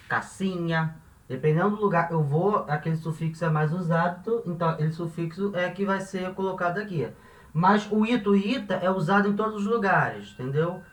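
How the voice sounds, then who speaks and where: A man's voice: sits high, a bit bright. A man teaching a language lesson. He explains patiently, repeats each example and often checks that the listener is following. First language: Portuguese. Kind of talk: classroom-style lesson explanation. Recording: echoey room, voice from a distance.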